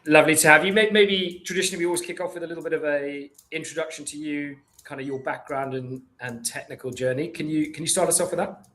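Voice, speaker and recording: A man's voice: fairly high pitch, steady tone, quick pace, hardly any pauses, a bit bright. A man hosting a podcast interview, friendly and a little hesitant, often repeating words as he asks his questions. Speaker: podcast host.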